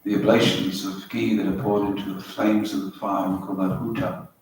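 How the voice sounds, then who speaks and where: A man's voice: sits low, level tone, brisk, darkish tone. A middle-aged man from Wales, giving a spiritual talk to a small group, telling stories and tracing words step by step. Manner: storytelling, anecdotal, explains words step by step. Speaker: spiritual teacher. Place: yoga center hall. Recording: roomy hall, mic at a distance, faint hiss.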